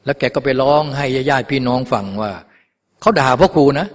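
A middle-aged man gives a Buddhist dharma talk as the teacher. He tells his stories in a lively way, with many rhetorical questions. His voice sits at an ordinary middle pitch for a man. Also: fairly quick. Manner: animated storytelling, rhetorical questions.

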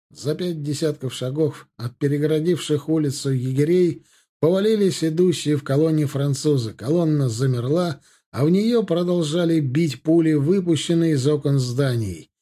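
A man's voice: on the high side, moderate pace, mellow. A man narrating a military adventure story as an audiobook in a dramatic storytelling manner. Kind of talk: scripted narration.

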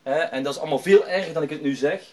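Middle-aged man, emphatic preacher giving testimony, a touch high-voiced, chatty and repetitive. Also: rapid-fire, darkish tone. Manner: emphatic, repetitive, conversational with tag questions. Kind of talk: personal testimony sermon.

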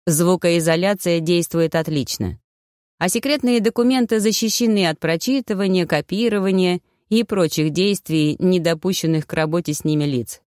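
A woman voicing a calm, gently teasing male werewolf lover in an audiobook. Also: lowish voice, normal speed, no echo, clean studio sound, natural voice.

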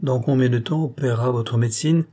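A man's voice: mid-range voice, a little fast, dark tone, natural voice. A man voicing a shrewd, grim middle-aged bailiff who talks in a sly, knowing, insistent way.

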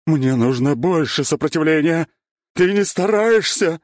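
A man voicing Zoya, a fierce, muscular woman butcher who taunts and booms at her opponent in a storybook reading. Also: big pitch swings, moderate pace, a little mellow, no room sound, studio quality. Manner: taunting, booming.

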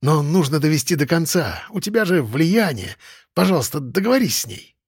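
A man's voice: fairly high pitch, sing-song, normal speed, husky, dry recording, studio quality, full character voice. A man reading an audiobook voices a whiny young male office clerk who pleads to get out of a work trip. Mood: pleading. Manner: whining, pleading.

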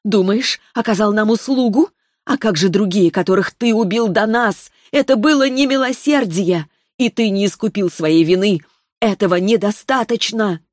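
A woman voicing a young spirit girl with a sweet voice who speaks in slow, clipped, merciless pronouncements. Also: medium pitch, no room sound, clean studio sound, pitched above the performer's own voice, close to an everyday voice. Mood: cold, judging. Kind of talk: audiobook character voice.

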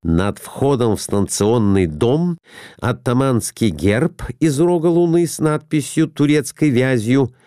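A man narrating classic prose aloud in an expressive, theatrical reading style. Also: medium pitch, a little slow, clean tone, no echo, studio quality. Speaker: audiobook reader.

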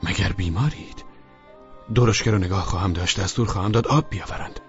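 A man voicing an anxious, earnest gentleman in an audiobook, coaxing and pleading. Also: sits low, dull audio, soft background music. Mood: alarmed. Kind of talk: audiobook character voice.

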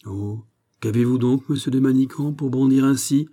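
A man reading an audiobook, voicing a haughty, sharp-tongued young princess with ironic, exasperated questions. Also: medium pitch, normal speed, natural voice.

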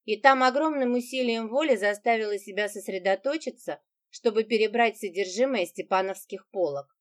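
Woman reading a novel aloud. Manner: reads dialogue with lively shifts in pitch. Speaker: audiobook narrator. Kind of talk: scripted audiobook narration.

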